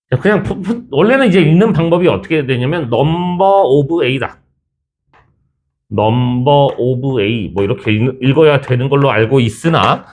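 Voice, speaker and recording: Male math teacher, lively and teasing, fairly high voice, classroom lecture. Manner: chatty, teasing, switches between formal and casual speech.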